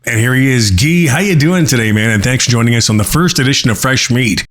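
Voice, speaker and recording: A man's voice: mid-range voice, fast, fairly bright tone. Upbeat male rock podcast host. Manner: upbeat, chummy host patter. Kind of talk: radio podcast hosting.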